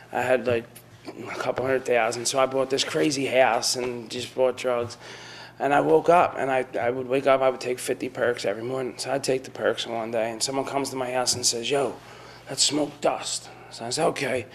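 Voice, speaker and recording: A man's voice: mid-range voice, a little hiss or hum. A young man rambling through a casual rant, repeating himself and tossing in "you know what I mean.". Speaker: storyteller.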